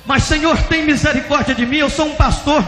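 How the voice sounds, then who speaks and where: Casual: preacher doing a crying pastor begging god, shouty and way higher than his normal voice, big echoey hall. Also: fairly even intonation, a little fast. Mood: pleading. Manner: desperate, shouting pleas. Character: proud male pastor pleading with God in tears. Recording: echoey hall, faint noise.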